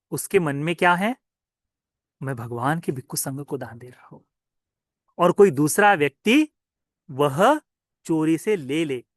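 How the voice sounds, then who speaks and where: Male monk, children's storytelling sermon, slightly high voice, question-and-answer delivery, dry. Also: no room sound. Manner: lively questioning, asks listeners and answers himself. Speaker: Buddhist monk.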